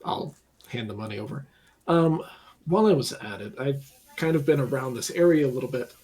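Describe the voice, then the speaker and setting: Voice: medium pitch, animated, brisk, darkish tone, low-quality recording. A player in a tabletop game, describing actions in a plain, matter-of-fact way. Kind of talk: casual tabletop play.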